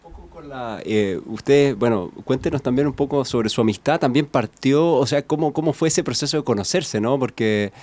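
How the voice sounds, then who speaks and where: A man's voice: mid-range voice, normal speed, hardly any pauses, darkish tone. Easygoing male co-host. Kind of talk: radio interview.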